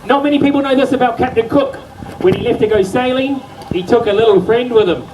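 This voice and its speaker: A man's voice: very high voice, quick pace, a little mellow, a little hiss or hum. A middle-aged man presenting a live sheep show, joking and hyping the crowd. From New Zealand. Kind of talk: live stage show patter. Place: outdoor county show stage. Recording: far from mic, music playing.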